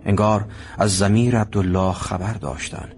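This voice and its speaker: Low-voiced male storyteller. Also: fairly even intonation, darkish tone, a little hiss or hum. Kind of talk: dramatic story narration.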